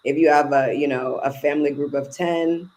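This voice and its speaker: A woman's voice: sits low, fairly even intonation, moderate pace, darkish tone, poor audio. A woman managing travel bookings, explaining trip options in a casual interview, listing details with fillers.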